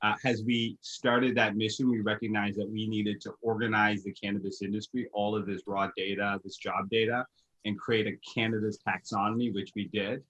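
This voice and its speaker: A man's voice: on the low side, little pitch movement, moderate pace, fairly bright tone, dull audio. A man from Uganda, explaining his background steadily to an interviewer over a video call from home. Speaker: guest, recruiter and author. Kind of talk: casual interview chat. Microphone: video call webcam.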